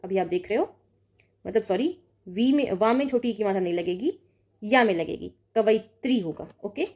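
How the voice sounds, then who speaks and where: A woman's voice: medium pitch, normal speed, warm tone. A young woman teaching an online exam-prep lesson, reading out word pairs and correcting each one with frequent check-ins. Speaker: Hindi exam tutor.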